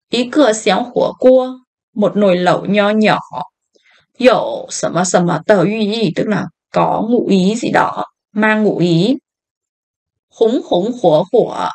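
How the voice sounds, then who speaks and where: A woman teaching a language lesson, reading each phrase slowly and then explaining it. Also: medium pitch, a little mellow. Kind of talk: slow line-by-line language lesson.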